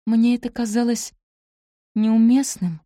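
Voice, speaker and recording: A woman reading a young maid's lines in a higher, trembling, pleading voice. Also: steady tone, measured pace, mellow, no echo, clean studio sound, lightly acted. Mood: timid, pleading. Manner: pleading, trembling, then crying out. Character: young woman, frightened maid hiding a secret.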